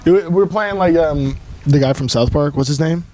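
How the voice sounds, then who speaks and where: A man's voice: fairly high pitch, normal speed, mellow, a little hiss or hum. A young man co-hosting a podcast in casual chat, joking and rambling, laughing often. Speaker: podcast co-host.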